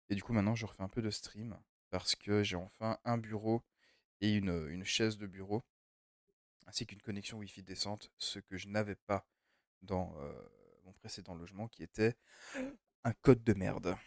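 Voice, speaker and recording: A man's voice: mid-range voice, no room sound, clean studio sound. A young man streaming a game from home, chatting loosely and rambling as he answers his chat. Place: home room.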